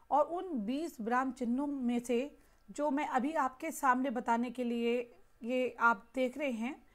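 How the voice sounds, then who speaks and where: A woman teaching Hindi grammar in a lecture, explaining patiently with everyday examples. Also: high voice. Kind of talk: classroom lecture.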